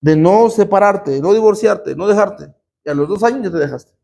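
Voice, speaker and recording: A man's voice: high voice, animated, normal speed, vocal fry, warm tone. A man preaching a sermon to a congregation as pastor, emphatic, with rhetorical questions and call-and-response. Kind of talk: sermon teaching.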